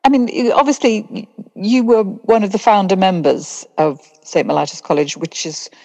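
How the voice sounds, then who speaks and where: A woman's voice: medium pitch, moderate pace, creaky, warm tone. A woman chatting casually as a podcast co-host on a video call, with long room echo. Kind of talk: casual panel chat.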